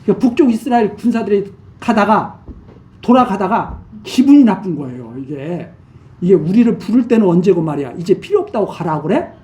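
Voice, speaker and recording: A man's voice: high voice, very animated, brisk, warm tone, far from the mic. A man preaching a sermon, retelling scripture in plain everyday speech and acting out the kings' words. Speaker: pastor.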